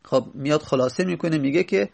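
Gravelly-voiced man explaining grammar. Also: fairly high pitch, darkish tone. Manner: reads a text line, then explains it; asks and answers his own questions. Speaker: teacher. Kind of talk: teaching Arabic grammar from a classical text.

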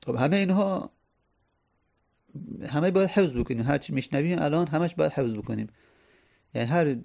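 A man's voice: mid-range voice, creaky, darkish tone. A male teacher explaining grammar step by step. He repeats key phrases and sounds out vowels to demonstrate. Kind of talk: Arabic grammar lesson.

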